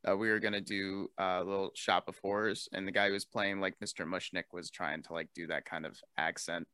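A young man on a casual political chat podcast. He talks in a low, loose and chatty way, fills his sentences with "like" and often laughs. The sound is dry and close. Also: level tone, sharp tone, clear, resonant tone, dry recording. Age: young adult. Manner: chatty, peppered with "like", quick to laugh. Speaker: podcast co-host.

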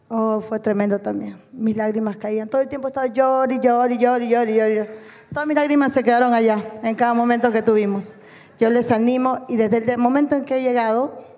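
A woman's voice: fairly high pitch, darkish tone. A woman giving an earnest, emotional church testimony about a mission trip, repeating words for emphasis. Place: church hall. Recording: long hall reverb.

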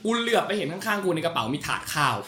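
A man's voice: high voice, animated, rapid-fire. A young man co-hosting a casual chat, telling stories in crude slang and laughing as he goes. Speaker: podcast co-host. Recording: echoey room with faint music.

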